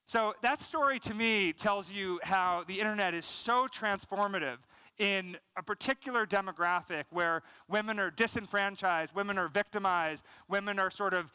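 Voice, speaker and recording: An American man in his thirties, his high voice clear and resonant, addresses a conference from a large stage in a keynote. Fluent and energetic, he gestures as he talks and often says "um" and "you know." The headset mic captures no room sound, yet the audio is poor.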